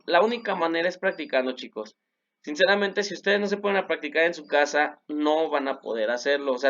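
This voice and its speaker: A young man with a Mexican Spanish accent teaches an online class in a slightly high voice, patient and repetitive, filling pauses often. The sound is a little dull and lo-fi, with faint background hiss. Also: a bit bright. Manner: patient, repeats examples slowly, frequent fillers. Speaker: French teacher. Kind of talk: recorded online class explanation.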